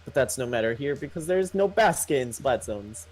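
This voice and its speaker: Relaxed male co-caster, warm low-key tone, casual filler-heavy talk. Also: moderate pace, faint music behind, low-quality recording. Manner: laid-back, filler-heavy. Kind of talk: casual esports commentary.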